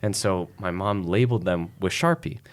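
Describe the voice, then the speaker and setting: A man's voice: deep voice, animated, normal speed. A man hosting a casual podcast, telling stories in a chatty way with lots of fillers. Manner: chatty storyteller, frequent fillers like "anywho". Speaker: podcast host.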